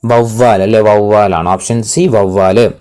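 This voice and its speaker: A man, a tutor reading exam-prep quiz questions aloud, repeating each one and then giving the answer slowly and with emphasis. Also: lowish voice, fairly even intonation, a little mellow, clean tone.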